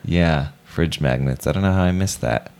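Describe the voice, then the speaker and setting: A man with a very low voice chatting in a loose, rambling way, hedging and restarting his sentences as he thinks aloud. He sounds relaxed and conversational as a podcast co-host. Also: normal speed, gravelly, smooth. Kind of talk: casual chat.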